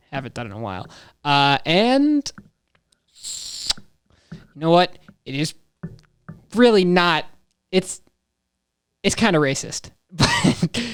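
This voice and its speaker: A man's voice: fairly high pitch, clear, resonant tone, no room sound, studio quality. Rambling nineteen-year-old guy from Wisconsin. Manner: rambling, thinks aloud with trailing asides. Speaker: podcast guest. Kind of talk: casual podcast conversation.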